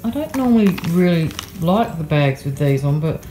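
A woman's voice: low voice, big pitch swings, moderate pace, dark tone, faint music behind. An Australian woman chatting casually about her shopping, rambling with lots of ums and yeahs, recorded on a phone in a car at night. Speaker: vlogger. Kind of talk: casual haul chat.

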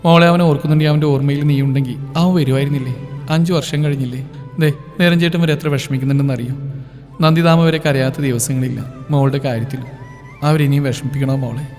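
A man voicing a gentle, pleading older sister. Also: medium pitch, steady tone, fast talker, natural voice. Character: fond young woman, gentle older sister. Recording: long reverb, soft music behind.

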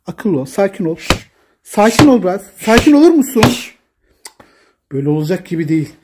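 A man talking casually at home, pleading and gently scolding with repeated short commands to calm down. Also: high voice, fairly quick, heavy background noise. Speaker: father filming his daughter at play.

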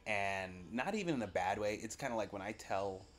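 Low-voiced rambling podcast host, man. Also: animated, normal speed. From United States. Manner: rambling, musing, self-deprecating. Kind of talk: casual solo podcast monologue. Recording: muffled lo-fi audio with faint hiss.

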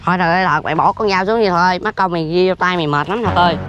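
A woman's voice: on the low side, very fast, dull audio, over loud music. A woman co-hosting a casual outdoor cooking vlog, teasing and ribbing her friends. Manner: teasing, sarcastic. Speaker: vlog co-host. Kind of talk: casual banter. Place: outdoors in the countryside.

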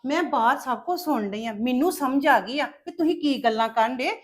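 Actress as a shrill, scheming sister-in-law in a family drama, taunting and accusing. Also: female voice, a little fast, close to an everyday voice. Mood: alarmed. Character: scheming sharp-tongued woman, sister-in-law of the household. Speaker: actor in a family web drama.

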